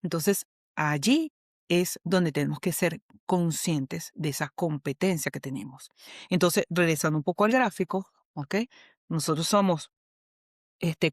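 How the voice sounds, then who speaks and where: On a podcast, a woman with a Venezuelan accent, by trade an HR specialist and coach, lays out a model in a patient, instructive manner and keeps checking the listener is following. The sound is studio quality with no room sound, and her voice is lowish.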